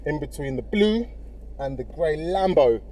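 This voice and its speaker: A male driving instructor with a fairly high, warm, expressive voice talks at a measured pace, guiding a learner step by step in a relaxed, encouraging way and often checking understanding. They sit in a car in a car park, vehicle sounds audible in the background.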